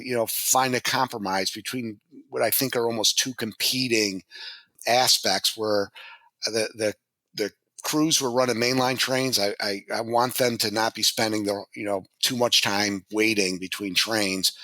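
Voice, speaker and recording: A man's voice: on the low side, sharp tone, no room sound. A man talking as a podcast guest about running his model railroad, thoughtful and searching for words. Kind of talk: casual podcast conversation.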